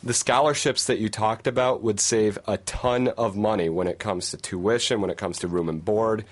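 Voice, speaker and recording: A man's voice: fairly low pitch, normal speed. Young man making confident points. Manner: confident, emphatic arguing. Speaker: studio guest panelist.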